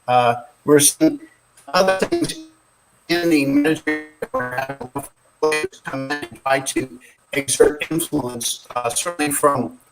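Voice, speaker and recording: A man's voice: on the high side, lively intonation, takes it slowly, gravelly, low-quality recording. A man giving his assessment as a guest on an online panel, speaking hesitantly and thoughtfully over a video call. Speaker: guest analyst. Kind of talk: panel commentary. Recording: glitchy call line with guitar music behind.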